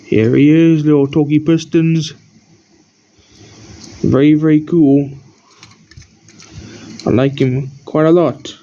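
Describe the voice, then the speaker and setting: Sleepy guy rambling about his toy cars, kinda high mellow voice, dull lo-fi mic. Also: steady tone, slight background noise. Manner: rambling, halting, pointing out details one by one. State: tired, yawning often. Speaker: toy collector showing his collection. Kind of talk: casual show-and-tell narration. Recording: dull lo-fi recording.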